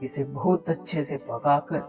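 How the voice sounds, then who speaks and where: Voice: medium pitch, a little slow, a little mellow, faint music behind, close to an everyday voice. A performer voicing a greedy, meat-loving village farmer in a storybook cartoon, speaking gleefully. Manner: gleeful, boastful. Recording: dull, lo-fi recording.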